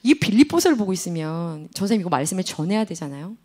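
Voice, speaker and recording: A woman in her thirties preaching a sermon to teenagers in a church service, animated and full of questions to the students. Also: on the low side, fast talker. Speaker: youth ministry preacher.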